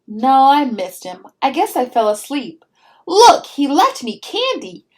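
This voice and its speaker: A demanding little girl from a storybook, as a woman reader puts her on. Her voice is high and jumps around with every exclamation. She is dramatic and whiny, making a big deal of everything. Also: huge pitch swings, unhurried, darkish tone, a little hiss or hum, exaggerated voice. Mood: excited.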